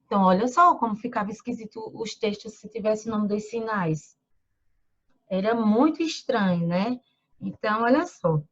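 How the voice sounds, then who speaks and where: A woman's voice: mid-range voice, animated, lo-fi sound. Brazilian woman teaching small kids. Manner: reads slowly, names punctuation aloud, asks children questions. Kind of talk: remote lesson for young children.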